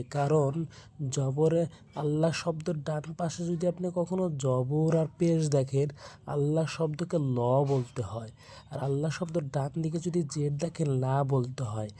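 A man teaching Quran pronunciation in a Bangladeshi Bengali accent. He drills each sound slowly and deliberately, repeating it several times. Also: on the high side, dark tone.

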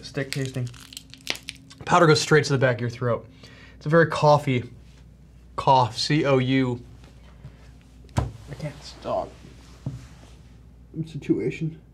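Slow-talking man coughing through a tasting. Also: on the high side, fairly bright tone, husky. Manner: halting, with frequent coughs and sighs. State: coughing from spicy powder. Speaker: hot sauce reviewer. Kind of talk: casual tasting vlog.

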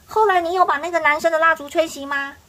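A woman voices a curious little storybook boy, very high and earnest. He asks eagerly, in the manner of a story read to a small child. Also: fairly even intonation, fast talker, sharp tone.

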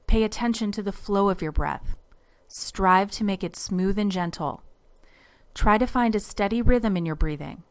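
Calm woman narrating guided instructions. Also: mid-range voice. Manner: calm, measured step-by-step guidance. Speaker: instructor narrator of a breathing exercise app.

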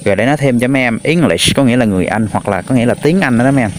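A man's voice: mid-range voice, lively intonation, slight background noise. Male teacher drilling words. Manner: drills words slowly in threes for pupils to repeat. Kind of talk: classroom English lesson.

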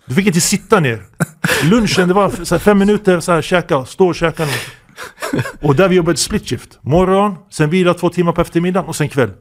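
A man in his fifties, a guest imam, telling lively stories with laughter and Arabic phrases sprinkled in. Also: high-pitched. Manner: animated anecdotes with laughter, Arabic phrases mixed in. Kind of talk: podcast interview storytelling.

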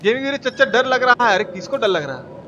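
This high-pitched streamer talks fast in a sing-song manner on lo-fi sound. Informal and foul-mouthed, he narrates his live gameplay and calls out chat to his viewers, with video game ambience and clear background noise underneath.

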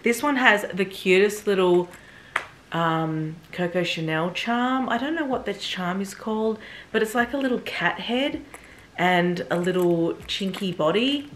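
A woman's voice: mid-range voice, expressive, measured pace, fairly bright tone, slight background noise. A woman in her thirties chatting enthusiastically to viewers as she unboxes and reviews a bag. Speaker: fashion vlogger. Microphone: camera mic.

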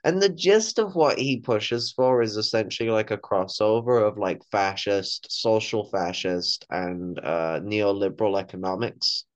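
Here a young man on a home video call, taking part in a panel, gives casual political takes laced with swearing and bluntness. He speaks on the low side at a measured pace with hardly any pauses, and there's no echo.

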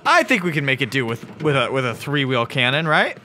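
A man playing a video game, narrating casually with self-mocking jokes, swearing and sudden excited shouting. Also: medium pitch, fairly quick, slight background noise. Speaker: gaming video host. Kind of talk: let's play commentary.

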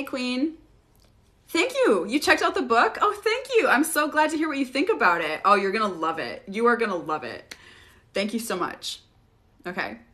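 A woman hosting a casual live Q&A, relaxed and chatty, often laughing as she answers viewers. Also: a little high. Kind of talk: casual livestream Q&A.

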